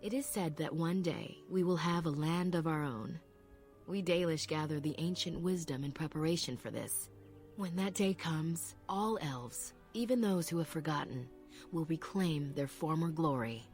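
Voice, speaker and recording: An actress playing a calm, proud elf apprentice who speaks in a measured, reflective way with a low husky voice, from a game. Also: female voice, soft background music, lightly acted. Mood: solemn.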